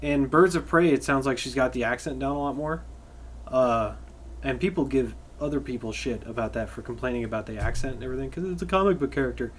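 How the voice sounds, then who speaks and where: A man's voice: medium pitch, fast. A man talks through a loose podcast chat in an ordinary mid-range voice, blunt and opinionated, swearing freely as he goes. A faint hiss of noise sits under the recording. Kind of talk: casual chat.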